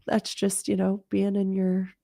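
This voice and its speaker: A woman's voice: mid-range voice, monotone, unhurried, vocal fry, dark tone, dry recording, clean studio sound. A woman in her forties hosting a live-stream Q&A, talking in a chatty, candid way with plenty of fillers. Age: 40s. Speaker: host.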